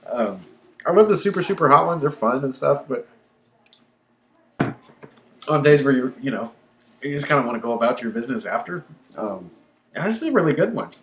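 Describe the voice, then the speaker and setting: A man with an easygoing drawl rambles through his vlog, full of ums and likes. He keeps puffing and sighing as the heat builds, and his voice sits at an ordinary middle pitch for a man. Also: very animated, brisk, long pauses, slight background noise. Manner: laid-back, rambling, lots of ums and likes. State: panting and sighing from chili burn. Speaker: pepper-tasting vlogger. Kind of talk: casual unscripted vlog.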